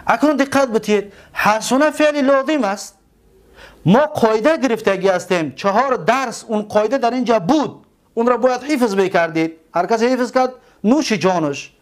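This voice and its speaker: High-voiced man teaching grammar slowly. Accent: Tajik Persian. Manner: repeats and drawls example words slowly; asks questions and answers them himself. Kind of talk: recorded grammar lesson.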